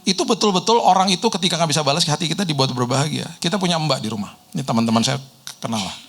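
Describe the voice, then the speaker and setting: A middle-aged man, preaching a sermon told through lively personal stories and chuckles. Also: on the high side, racing. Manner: lively storyteller, mimics people in quotes, laughs often. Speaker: pastor.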